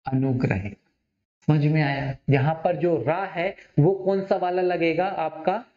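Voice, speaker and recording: A man teaching a Hindi spelling class, asking his students questions and repeating words slowly. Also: on the high side, steady tone. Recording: dull, echoey classroom recording.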